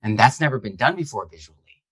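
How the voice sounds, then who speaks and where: A man's voice: medium pitch, lively intonation, fast talker, a bit bright, breathy edge, dry recording. A male author being interviewed, speaking casually and animatedly with lots of "like". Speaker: author and guest. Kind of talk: conversational interview.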